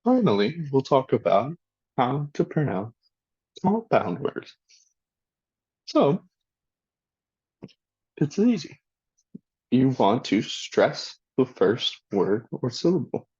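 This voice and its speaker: A man giving a recorded language lesson, speaking slowly and deliberately and reading example sentences for the listener to repeat. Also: mid-range voice, very animated, darkish tone, slightly rough, dry recording, muffled recording. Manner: slow, deliberate teacher talk with spoken examples for the listener to repeat. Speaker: student presenter teaching a language lesson. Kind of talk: recorded classroom presentation.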